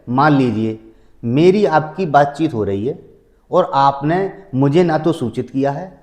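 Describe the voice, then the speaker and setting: A mellow, mid-range male voice from India gives viewers explanatory legal advice. His style is didactic: he repeats key phrases and numbers each point.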